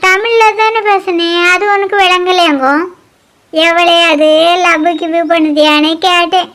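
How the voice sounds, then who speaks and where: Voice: very high voice, little pitch movement, a little slow, pushed and bright, full character voice. Someone voicing a bossy nosy village granny. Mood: prying. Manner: scolding, prying, lecturing. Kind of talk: cartoon voice acting.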